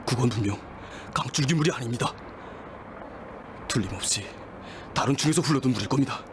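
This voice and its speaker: An actor playing an earnest young engineer who argues insistently. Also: male voice, medium pitch, a little fast, noisy background, lightly acted. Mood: frustrated. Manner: insistent, arguing.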